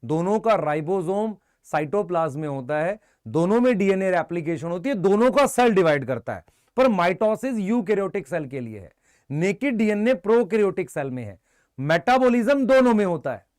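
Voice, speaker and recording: A man teaching a biology lesson, briskly quizzing his students and answering for them, mixing Hindi with English terms. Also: sits high, big pitch swings, darkish tone, dry recording, clean studio sound. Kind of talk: live online exam-prep lecture.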